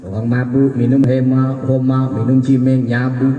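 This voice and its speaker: A man's voice: mid-range voice, level tone, moderate pace, phone-quality sound. A man preaching a humorous sermon, telling stories and acting out the voices in them. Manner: jokey, acts out voices in his stories. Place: large hall at a religious gathering. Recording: echoey hall, distant mic, faint background noise.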